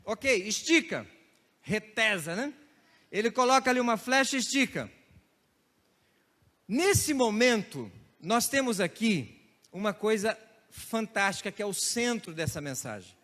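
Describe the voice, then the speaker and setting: A male pastor preaching to his congregation in a church hall, his voice high for a man. He tells lively stories, mimicking regional sayings with a chuckle, and a long reverb trails each phrase. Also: measured pace, long pauses. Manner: storytelling with playful regional imitations and laughter. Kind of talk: sermon.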